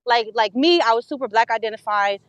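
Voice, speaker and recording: A woman's voice: on the high side, a little fast, smooth, dry recording. A woman hosting a livestream chat, casual and agreeable, with loose talk and some swearing. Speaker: livestream host.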